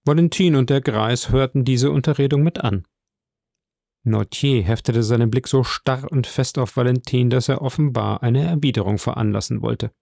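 A man reading a novel aloud in even, measured scripted narration. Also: mid-range voice, vocal fry, no echo, studio quality. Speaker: audiobook reader.

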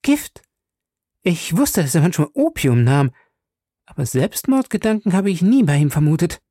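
Man putting on a high-pitched young woman, sharp and defiant, storybook reading, gravelly edge. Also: very animated, moderate pace, dry recording, clean studio sound, exaggerated voice. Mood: pleading. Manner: sharp, emotional.

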